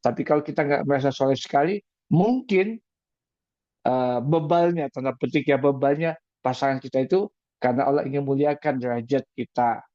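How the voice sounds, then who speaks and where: A male preacher giving an evening religious talk on married life. He speaks at a middle pitch, stays lively, puts questions to his audience and repeats his main points. The recording is dry and slightly muffled. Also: moderate pace, no room sound.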